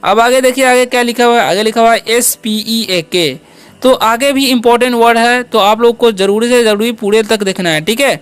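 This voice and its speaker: A woman teaching an English lesson, spelling words out slowly and asking and answering her own questions with a frequent "okay". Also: a little high, clean tone. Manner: asks and answers own questions, repeating "ठीक है"; slow, careful spelling-out of words.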